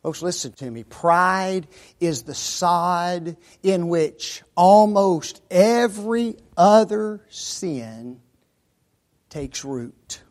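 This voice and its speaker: Male pastor with a high voice, preaching to a congregation with rhetorical questions and shouted emphasis. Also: expressive, extremely slow. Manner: swings from quiet asides to loud shouted emphasis; quotes scripture in old-style wording. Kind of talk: sermon.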